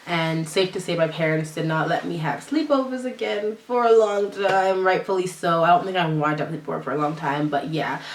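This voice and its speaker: A woman's voice: on the low side, a little hiss or hum. Slangy young woman, roomy distant sound. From Canada. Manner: animated, slangy, acts out dialogue. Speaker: vlogger. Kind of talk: casual storytime.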